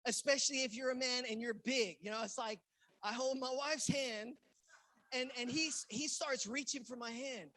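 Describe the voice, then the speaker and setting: A male pastor from England preaching a sermon, telling a personal story and acting out the dialogue with sudden loud bursts. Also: very high voice, fairly quick, hardly any pauses. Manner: animated storyteller who acts out quoted lines with loud outbursts. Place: church in Los Angeles.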